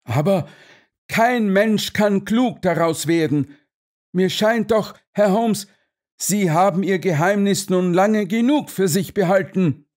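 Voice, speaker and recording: A male audiobook narrator voicing an excitable elderly army colonel who bursts out in agitation. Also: moderate pace, few pauses, close to an everyday voice. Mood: breathless. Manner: agitated, high-strung outbursts. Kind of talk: audiobook character voice.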